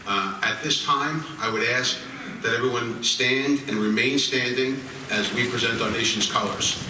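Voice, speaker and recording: An American man with a medium-pitched voice makes formal announcements as master of ceremonies. He is some distance from the microphone in a reverberant room. Clear background noise runs behind his voice. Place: large echoey room at a public ceremony. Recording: echoey hall, distant mic, noisy.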